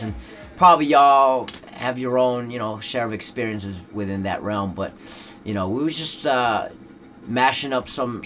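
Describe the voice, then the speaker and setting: In a mid-range, fairly bright male voice, a Dutch rapper gives a relaxed interview in English, his second language. His delivery is loose and easygoing, full of fillers.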